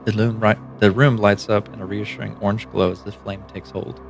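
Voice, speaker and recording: Male streamer, gravelly low voice, casual story reading, faint music behind. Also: little pitch movement, brisk. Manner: casual, wry asides and swearing between read passages. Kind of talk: reading an interactive story aloud on a livestream.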